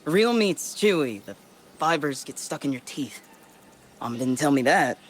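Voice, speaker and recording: For a game's audio log, an actor voices a lonely male colonist who survived, bitter and weary as he rambles through a desperate message. His voice runs on the high side, animated yet unhurried, with faint ambient noise behind him.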